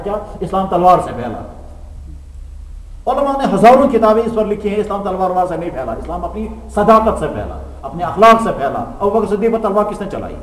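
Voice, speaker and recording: A man from Kashmir, preaching a storytelling sermon full of rhetorical questions. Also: high voice. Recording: echoey hall with long reverb.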